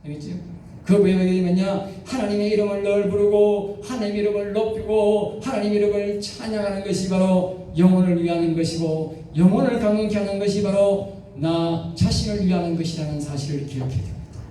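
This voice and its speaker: A man's voice: high-pitched, steady tone, fairly quick, warm tone, slight background noise. A male pastor with a Gyeongsang accent preaching a sermon, emphatic, throwing out rhetorical questions and rising exclamations. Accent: Gyeongsang Korean. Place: church sanctuary. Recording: echoey church hall, mic at a distance.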